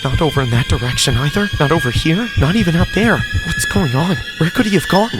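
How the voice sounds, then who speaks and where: A man voicing a panicky male shoplifter on the run in an animated horror short, frantic and yelling. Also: on the high side, fast talker, natural voice. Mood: nervous. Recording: clip with loud background music. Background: music.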